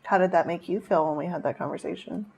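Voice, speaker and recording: A woman's voice: on the low side, quick pace, creaky, a little mellow, slight background noise. A woman co-hosting a podcast in casual chat, talkative and rambling, with frequent laughs. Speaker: podcast co-host.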